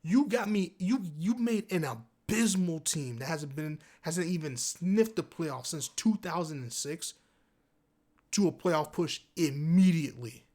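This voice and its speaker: A man's voice: fairly high pitch, unhurried, darkish tone. A man giving a heated, profane rant in basketball commentary, repeating himself for emphasis. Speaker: sports commentator.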